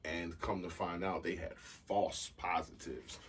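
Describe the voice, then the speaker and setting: A man's voice: low-pitched, flat delivery, a little slow, husky. A man co-hosting a podcast, chatting casually in a laid-back, rambling way with many fillers. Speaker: podcast co-host. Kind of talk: casual chat. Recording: distant mic with faint noise.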